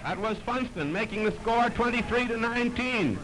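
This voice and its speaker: A man's voice: very high voice, normal speed. A man calling a basketball game play by play, heard as a played-back early 1930s archive recording. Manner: plain, steady play-by-play calling. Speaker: basketball commentator. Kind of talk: live play-by-play commentary. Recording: noisy, hissy old archive recording.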